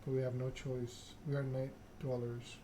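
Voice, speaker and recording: Over a noisy background, a gaming channel host reads a narrative game aloud as ASMR. His mid-range voice keeps a moderate pace and a flat delivery, and he sometimes stumbles over the written text.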